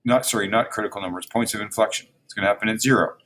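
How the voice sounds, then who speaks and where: A man with a fairly low voice teaches a recorded math lesson. He thinks out loud as he works, trips over his words, circles back, and calls his viewers friends. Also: fairly even intonation, very fast. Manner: thinks aloud with fillers and restarts, addresses viewers as friends. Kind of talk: recorded math lesson, talking through slides.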